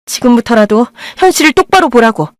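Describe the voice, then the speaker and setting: A woman playing a harsh, irritable middle-aged mother in an audio drama, snapping in sharp scolding tones. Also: a little high, lively intonation, fairly quick, no room sound, studio quality, pitched above the performer's own voice, natural voice.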